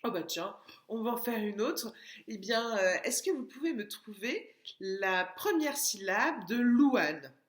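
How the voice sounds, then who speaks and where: A woman leads a lesson for young children, slow and deliberate, drawing out each syllable. Her pitch swings up and down with animation. The room around her rings with echo. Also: animated. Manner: slow, patient, syllables tapped out and stretched. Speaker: preschool teacher. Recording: echoey room.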